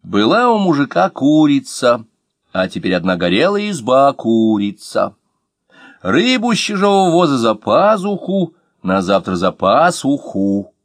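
A man reading humorous short stories aloud in an expressive, ironic way. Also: medium pitch, measured pace, no room sound, clean studio sound. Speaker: reader.

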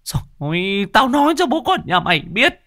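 A man's voice: very high voice, very animated, takes it slowly, a bit bright, no echo, studio quality, voice pushed up, heavily acted. A man voicing a terrified old village woman who stammers and wails her pleas in a storytelling piece. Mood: panicked.

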